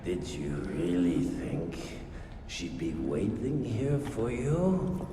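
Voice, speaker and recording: An actor playing a taunting, cruel vampire villain in a video game cutscene, mocking slowly and rising into shouts. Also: male voice, low-pitched, sing-song, noisy background, exaggerated voice.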